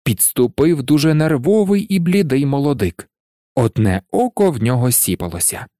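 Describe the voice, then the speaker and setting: Male narrator, animated audiobook read, dry close recording. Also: medium pitch, moderate pace, no echo.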